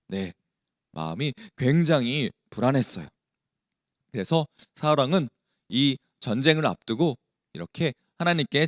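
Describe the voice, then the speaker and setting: A man's voice: mid-range voice, no echo, clean studio sound. A man leading a children's worship service, telling a Bible story and asking the children questions. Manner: animated, asks the children questions.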